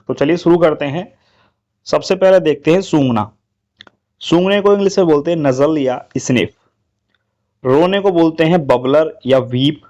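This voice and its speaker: A man's voice: on the high side, a little mellow. A man teaching English vocabulary to students, speaking to them directly and asking them to repeat each answer. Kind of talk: vocabulary lesson.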